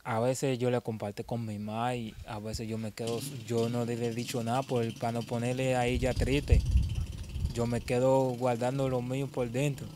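Young man, interview subject; halting, repetitive, plainspoken delivery. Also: medium pitch, flat delivery, noisy background. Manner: halting, repeats words and restarts often. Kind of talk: personal storytelling in an interview.

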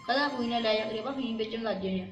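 A man's voice: very high-pitched, rapid-fire, lo-fi sound, over music. A man playing a brash young student son who reassures his father. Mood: reassuring. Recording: echoey room.

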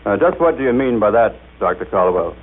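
A man's voice: on the low side, expressive, brisk, husky. A man demonstrating a machine in a scripted radio broadcast, talking in a jovial, explanatory way as he coaxes it along. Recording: tinny 1939 radio broadcast recording.

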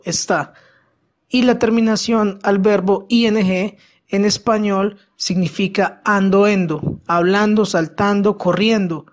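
Teaching grammar step by step in Spanish, this medium-pitched English teacher works methodically through the lesson. Whenever an English example comes up, the pace drops so it can be pronounced with care.

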